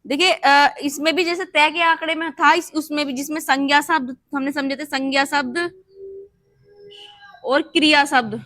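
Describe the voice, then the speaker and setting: Woman, shorthand teacher, patient step-by-step explaining, crisp bright voice, dry recording. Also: sits high, steady tone, moderate pace, no room sound. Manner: patient, repeats steps with "thik hai" checks. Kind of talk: explaining while writing on a board.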